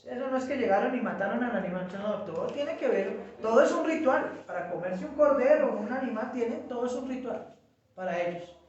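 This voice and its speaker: A man's voice: extremely high pitch, lively intonation, a little fast, highs cut off. Man teaching in an echoey room. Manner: explains step by step, spells out words, checks in with listeners. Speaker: Bible study teacher. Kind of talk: casual teaching to a small group. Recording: echoey room, mic far off.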